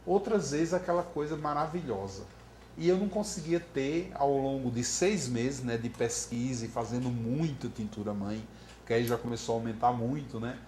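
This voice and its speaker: A man's voice: mid-range voice, moderate pace. A man from Brazil teaching about floral remedies in a storytelling lecture, acting out the voices of the people in his story. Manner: animated, acts out quoted voices. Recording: echoey room with faint background noise.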